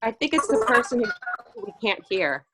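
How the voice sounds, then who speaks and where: A woman's voice: a little high, big pitch swings, normal speed, sharp tone, breathy edge. A woman taking part in a casual group video call, speaking in a chatty way. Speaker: participant. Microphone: video call mic.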